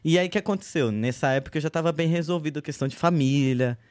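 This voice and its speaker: A man in his thirties, a guest artist in a relaxed podcast chat, telling his story with slang and lively quoted speech. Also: fairly high pitch, fast, clear, resonant tone, dry recording. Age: 30s.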